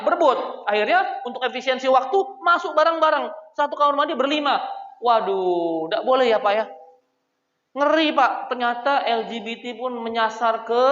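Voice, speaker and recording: A man preaching a lively sermon, joking with his audience and calling out to them directly. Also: very high-pitched. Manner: animated, jokes with the crowd, addresses them as Pak. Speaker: Islamic preacher. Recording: echoey, dull hall recording.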